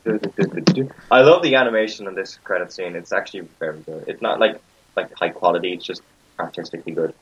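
A man's voice: sits low, fast, a bit bright, breathy edge. A man giving casual, profane, enthusiastic anime commentary with friends. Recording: dull lo-fi mic.

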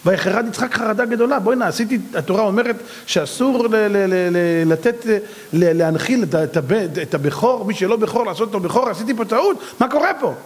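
A man, a rabbi, preaching a sermon, telling stories in an animated way and acting out the voices of the people in them. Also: high voice.

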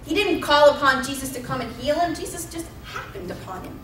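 In a church sanctuary, a woman in her thirties gives a sermon as pastor, repeating key lines emphatically as she tells the story. Her voice is high and fairly quick. Background noise is present, and the far-off pulpit mic gives a roomy, off-mic church sound.

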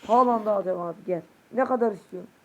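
A man gives casual gameplay commentary, excitable and prone to shouting at his players or muttering curses. He is a bit sick. There is steady noise in the background. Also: sits high, quick pace, lo-fi sound. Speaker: gaming youtuber. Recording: noisy home recording.

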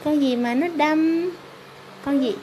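A high-pitched woman with a southern Vietnamese accent reads to a toddler as a mother would. She asks simple questions and confirms each answer encouragingly. It is a slightly noisy home phone recording. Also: takes it slowly, dark tone. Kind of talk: reading an animal picture book to a toddler, quizzing. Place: hard-tiled room at home. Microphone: handheld phone camera.

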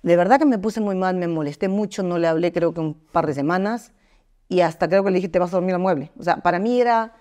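Middle-aged woman, lively storyteller. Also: fast talker. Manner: lively storyteller, jumps into high voices to act out quotes, many fillers. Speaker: singer-songwriter. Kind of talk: candid interview conversation.

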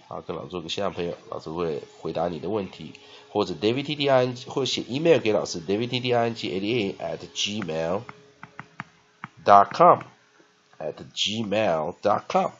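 A man teaching English vocabulary, spelling words out letter by letter and filling pauses with short fillers. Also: low voice, muffled recording. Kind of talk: spelling and phonics lesson.

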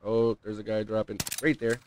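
A male game streamer keeps up slangy, profane chatter while he plays. His voice sits on the low side. Clear noise from the game runs behind him. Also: little pitch movement, moderate pace. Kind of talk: casual gaming chat.

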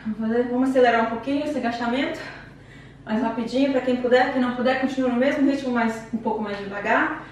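A woman's voice: fairly high pitch, fast. Brazilian portuguese woman, fitness instructor, chatty and upbeat, a bit out of breath, very echoey room, far from the mic. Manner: chatty, encouraging, counts down reps. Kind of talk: home workout coaching. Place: room at home. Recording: very echoey room, distant mic, faint noise.

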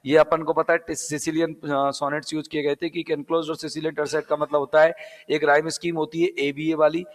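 A man's voice: fairly high pitch, flat delivery, a little fast, long reverb tail. A male English teacher from Rajasthan with a Rajasthani Hindi accent, teaching a live exam-prep class step by step, repeating key words and asking and answering his own questions.

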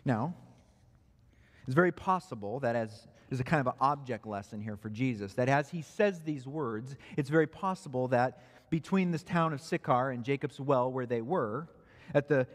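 A man's voice: medium pitch, lively intonation, moderate pace, big-room sound. A man preaching an expository sermon who grows emphatic when he quotes scripture. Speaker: pastor. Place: church sanctuary.

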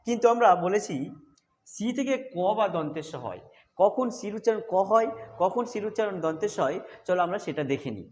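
A Bengali man walks through English pronunciation rules one step at a time, patiently going back over each point as he explains a phonics lesson. His voice sits high and sounds animated and brisk, with a somewhat dark tone.

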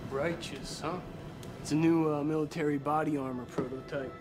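A man in his twenties playing a smug, brittle young heir in a film, talking casually in halting, clipped phrases. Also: a little high, fairly even intonation, lightly acted. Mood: proud, casual. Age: 20s. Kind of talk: naturalistic film acting. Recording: film dialogue under loud music.

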